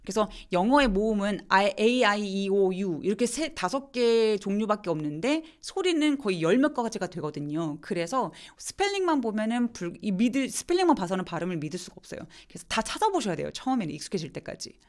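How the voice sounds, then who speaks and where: A woman teaching English pronunciation in a live online lesson, slowly demonstrating words and answering viewer questions. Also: mid-range voice, very animated.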